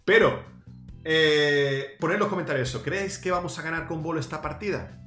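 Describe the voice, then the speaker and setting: A man calls out a team match, coaching his teammates through every move and bursting into shouts when a play lands. His voice sits a little high. The sound is roomy, with game music playing underneath. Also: normal speed. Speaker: gaming YouTuber host. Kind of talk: excited live gameplay commentary.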